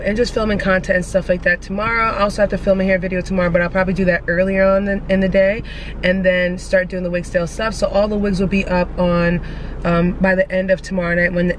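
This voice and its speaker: A young woman vlogger talking casually and candidly to her camera from inside a car, swearing now and then. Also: lowish voice. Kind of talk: casual vlog chat. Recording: noisy car and street background.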